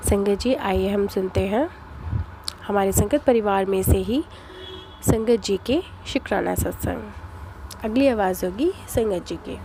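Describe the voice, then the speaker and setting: A woman host giving a gentle, formal introduction to a devotional program. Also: mid-range voice, measured pace, background noise.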